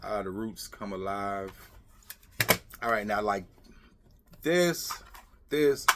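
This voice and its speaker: Chatting casually for his vlog, a middle-aged man mutters in a rambling way as he sorts through things. He talks slowly in a low voice with lively intonation, and clicking and clattering noise is clearly heard.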